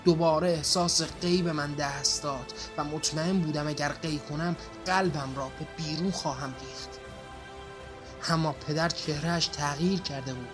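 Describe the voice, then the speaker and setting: A man giving a dramatic literary reading, intense and theatrical, moving between hushed and anguished passages. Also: on the high side, steady tone, over music. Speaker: reader.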